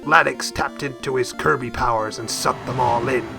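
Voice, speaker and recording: Deadpan man narrating a mock-epic fight. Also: medium pitch, normal speed, creaky, soft background music. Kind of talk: comic scripted narration.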